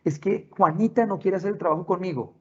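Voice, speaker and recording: A man's voice: high voice, brisk, darkish tone, slightly rough, dull audio, pitched above the performer's own voice. A man putting on the voice of a young child who pleads with a parent about a school worry. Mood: pleading.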